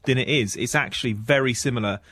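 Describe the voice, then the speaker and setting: A man's voice: medium pitch, quick pace, sharp tone, slightly rough. A man giving a chatty, wry film review on a radio show, speaking into a studio microphone. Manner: chatty and wry, breaks into mock voices. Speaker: film critic.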